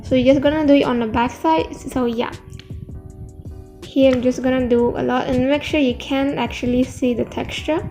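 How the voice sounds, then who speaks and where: High-pitched woman talking with braces. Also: fairly even intonation, dark tone, faint music behind. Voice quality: speech slightly affected by new dental braces. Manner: halting, self-correcting, hesitant. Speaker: craft tutorial host. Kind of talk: casual hands-on tutorial narration.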